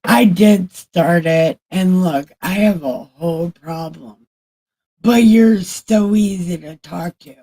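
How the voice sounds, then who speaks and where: A woman's voice: lowish voice, takes it slowly, warm tone, breathy edge. A woman livestreamer in casual chat, talking candidly and with plenty of swearing to her viewers. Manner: candid, profane, chatting with viewers.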